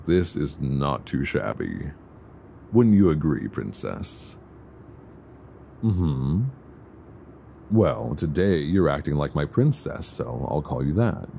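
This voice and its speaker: Extremely low and gravelly, this male actor's exaggerated voice has supple intonation as he plays a tender, teasing boyfriend on a luxury flight for ASMR roleplay. The soft, unhurried chat includes hesitant pauses, and the close binaural recording has faint background noise.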